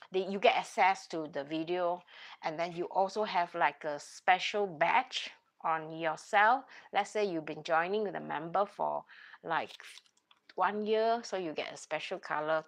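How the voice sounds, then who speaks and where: Creaky-voiced Singaporean woman chatting. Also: fairly low pitch. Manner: hesitant, meandering, with "you know" and "like" as constant asides. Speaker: YouTube channel host. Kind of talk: casual chat to viewers.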